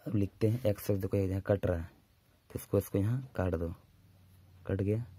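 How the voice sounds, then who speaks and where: A man teaching a maths lesson at a whiteboard. He dictates formulas slowly and drawn out, with brisk asides to his students. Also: low voice, steady tone, dark tone, husky.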